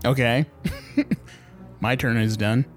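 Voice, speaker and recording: A man's voice: medium pitch, slow, faint music behind. A man chatting casually as a player at a tabletop role-playing game, calling out his moves.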